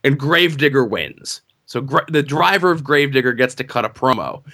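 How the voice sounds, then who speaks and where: A man telling a long casual story with many "like"s and "right?"s, slipping into quick impressions of announcers. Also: medium pitch, animated, pushed and bright. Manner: rambling, full of "like" and "right?", slips into mock announcer voices.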